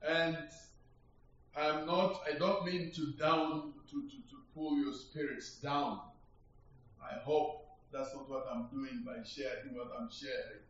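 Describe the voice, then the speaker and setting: Male preacher from uganda, reflective and pausing, roomy church echo, mic far off. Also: medium pitch, fairly even intonation, a bit bright. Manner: slow, reflective, pausing, with rising emphasis. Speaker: guest preacher. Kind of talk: sermon. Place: church hall. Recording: echoey hall from far off, dull.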